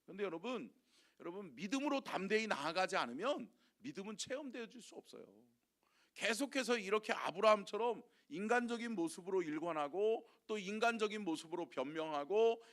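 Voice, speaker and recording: High, lively-voiced preaching pastor. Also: male voice, brisk. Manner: emphatic preaching, repeated rhetorical questions to the congregation. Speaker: senior pastor. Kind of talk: early-morning sermon with call-and-response. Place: church sanctuary.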